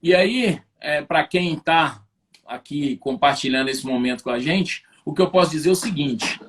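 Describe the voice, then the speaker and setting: High-voiced Brazilian man telling stories. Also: normal speed. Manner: animated, lively anecdotal storytelling. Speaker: business owner guest. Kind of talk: storytelling in a live-streamed interview.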